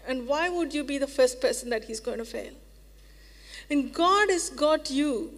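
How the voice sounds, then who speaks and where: A woman's voice: high voice, animated, measured pace. A woman preacher giving a sermon in an earnest, reassuring way, repeating phrases for emphasis. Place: church hall. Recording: reverberant church hall.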